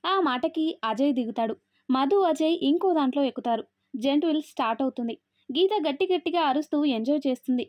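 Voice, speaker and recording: Woman narrating a tale herself, high pitch, close dry sound. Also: a little fast, dry recording. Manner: steady storybook reading, voices every character herself. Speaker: storyteller. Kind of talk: scripted narration. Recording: dry, slightly dull recording.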